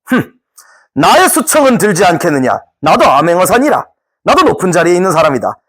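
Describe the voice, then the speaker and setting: A man's voice: high voice, very animated, fairly quick, fairly bright tone, husky, exaggerated voice. A man voicing a sly, haughty young male royal inspector in a drawling, mock-stern way. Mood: teasing.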